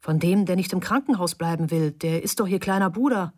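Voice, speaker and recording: A woman's voice: fairly low pitch, fairly quick, darkish tone, lightly acted. A woman reading the part of an irritable young woman who answers a phone call curtly and impatiently. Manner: curt and impatient.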